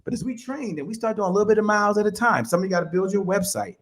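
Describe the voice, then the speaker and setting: A man giving an energetic motivational talk as a guest on a video call, leading the listeners in chanted call-and-response. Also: high-pitched, racing. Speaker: guest speaker. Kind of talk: motivational speaking.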